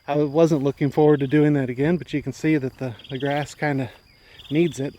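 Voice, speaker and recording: Slightly winded, this homesteading vlogger chats casually as he wanders his country property on an easygoing tour. He talks a little fast in a steady, somewhat high voice with a dark tone.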